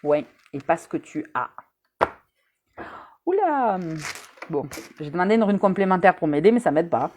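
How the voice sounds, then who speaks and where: A woman with a fairly low voice gives a casual rune reading on a live stream. She is chatty and teasing and speaks straight to her viewers. She pauses often on hesitant fillers. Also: big pitch swings, darkish tone, a little hiss or hum. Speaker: rune reader.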